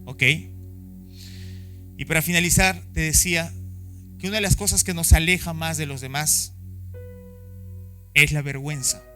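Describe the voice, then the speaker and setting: A pastor with a Chilean Spanish accent preaches an impassioned sermon at a church service, acting out the voices of the people he quotes. His fairly high voice is pushed and bright, with fairly even intonation, a moderate pace, and frequent pauses. Soft music plays in the background.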